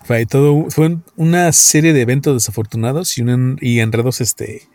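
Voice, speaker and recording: A man's voice: mid-range voice, fairly even intonation, brisk, a little mellow, no echo. A man, co-hosting a podcast in a casual chat, mostly giving short reactions and asking questions. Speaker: podcast co-host.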